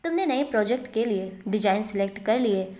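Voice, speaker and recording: Brief: woman narrator doing a firm, protective old grandfather, in a mid-pitched voice. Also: animated, fairly quick, dark tone, close to an everyday voice. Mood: stern. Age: older. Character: grandfather, stern and protective of his company.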